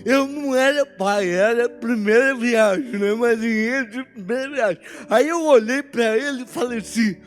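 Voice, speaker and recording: A man's voice: very high-pitched, moderate pace, hardly any pauses, soft background music. A man in his forties with a Brazilian accent from Minas Gerais, preaching a sermon and telling a personal story with emotion, acting out the dialogue. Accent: Brazilian Portuguese, Minas Gerais.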